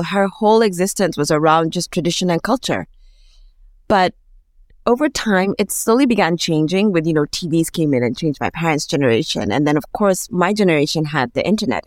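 A woman's voice: on the low side, no echo. Kenyan-accented woman, close dry sound. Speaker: interview guest, photographer. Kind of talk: reflective conversational interview.

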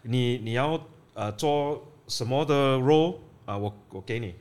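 A man's voice: medium pitch, a little slow, a little mellow, clear, resonant tone. A man with a Malaysian accent speaks in a casual interview. He tells stories in colloquial Manglish, sprinkled with lah and ah, and slips into Chinese as he goes. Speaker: film director being interviewed. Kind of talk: casual anecdotal chat.

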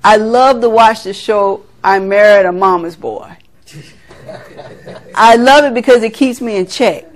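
A woman's voice: fairly high pitch, a little slow. Earnest middle-aged woman preaching. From South Carolina. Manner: earnest, laughs at herself, acts out family talk. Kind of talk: sermon.

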